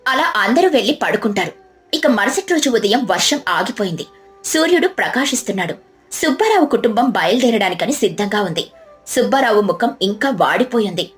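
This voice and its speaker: A woman's voice: mid-range voice, a little fast, soft background music. Woman narrating a storybook tale. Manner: even, storytelling.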